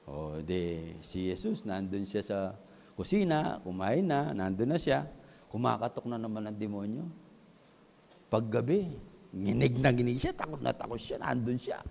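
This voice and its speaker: A man's voice: lowish voice, vocal fry, darkish tone. A man, the senior pastor, preaching a sermon, telling a story and asking the congregation rhetorical questions. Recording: hall with long reverb.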